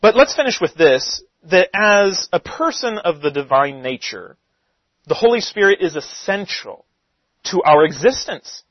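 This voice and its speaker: A man preaching a Bible lesson, reading scripture slowly and then explaining it in loose, conversational asides. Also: high-pitched, big pitch swings, no room sound. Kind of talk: sermon-style Bible teaching. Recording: dull, slightly lo-fi dry recording.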